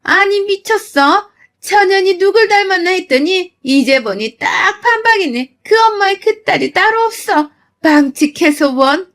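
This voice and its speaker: A woman voicing a scheming middle-aged mother-in-law who sneers in a shrill tone. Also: lively intonation, measured pace, fairly bright tone, exaggerated voice. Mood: sneering.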